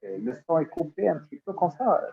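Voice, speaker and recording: A male student asking a hesitant question in an online class, pausing often with "euh". He is heard through Bluetooth audio. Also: on the high side, very animated, gravelly, warm tone. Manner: hesitant, many pauses with "euh". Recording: tinny phone-like Bluetooth audio.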